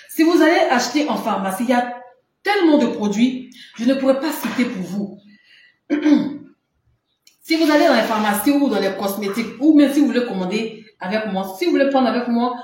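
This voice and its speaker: Selling skin products on a live stream, a woman chats casually, laughs a lot and answers viewer comments, all with a runny nose. Her voice is a little high and a little mellow, and the very echoey room carries faint noise.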